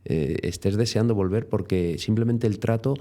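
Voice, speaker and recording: A man's voice: fairly low pitch, normal speed, mellow. A man with a Spain Spanish accent, a guest telling travel stories in a chatty, rambling way full of tag questions. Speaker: interview guest. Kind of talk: casual storytelling interview.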